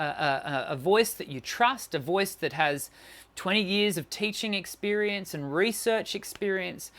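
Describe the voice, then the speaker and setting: A middle-aged tenor who teaches singing answers viewer questions on a live stream in an encouraging way. His voice sits high and a bit bright, and he uses many fillers and restarts.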